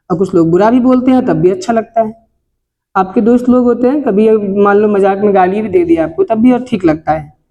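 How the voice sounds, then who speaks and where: A man's voice: high voice, warm tone. A man who teaches at a coaching institute, speaking in Hindi with a north Indian accent as he gives his class earnest, moralizing life advice and keeps putting rhetorical questions to them.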